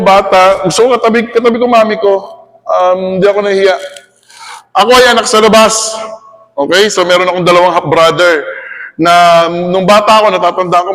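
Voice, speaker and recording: A Filipino man, a teacher, giving an animated seminar talk that mixes Tagalog and English and often checks in with the audience. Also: high-pitched, in a large hall. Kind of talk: lecturing to an audience, mixing in personal stories.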